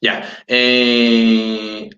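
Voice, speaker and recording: A man's voice: mid-range voice, monotone, drawn-out words, sharp tone, soft background music. A Chilean man teaching his language in casual talk, checking in with listeners and reading out greetings. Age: adult with a four-year-old daughter. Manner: conversational, fillers, frequent "¿ya?" checks. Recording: roomy, distant, dull lo-fi sound.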